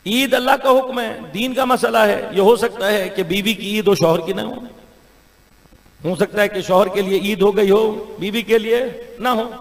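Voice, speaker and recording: Gravelly high-voiced preacher in a reverberant hall. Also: male voice, steady tone. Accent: Pakistani Urdu. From Pakistan. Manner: rhetorical orator with sudden rises and falls. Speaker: Shia cleric giving a majlis. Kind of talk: sermon. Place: large imambargah hall.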